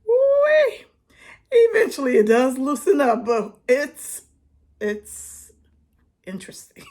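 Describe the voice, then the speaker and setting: Slow-talking woman in her fifties. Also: high voice, wildly swooping pitch, a little mellow. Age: 50s. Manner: slow, chatty, laughing often. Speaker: vlogger. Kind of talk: casual chat to camera.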